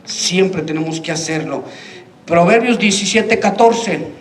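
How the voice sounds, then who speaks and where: A man's voice: high voice, unhurried, slight background noise. A man preaching a sermon as pastor, telling stories with humor and acting out the voices of the people in them. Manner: storytelling, humorous, acts out quoted voices. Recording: echoey hall from far off, congregation heard.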